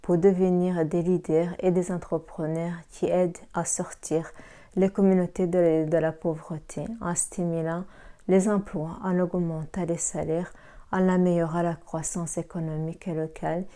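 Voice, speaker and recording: A woman from Rwanda delivers a prepared presentation in a very dark, mellow voice pitched a little low. She reads steadily, with hesitant fillers here and there. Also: little pitch movement, normal speed. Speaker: pharmacy assistant and network marketer.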